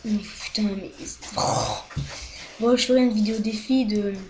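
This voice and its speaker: A woman's voice: mid-range voice, fairly even intonation, measured pace, darkish tone, a little hiss or hum. A woman giving casual, rambling let's-play commentary into a headset microphone at home, chatting freely, swearing often and apologizing a lot. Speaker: gaming video host.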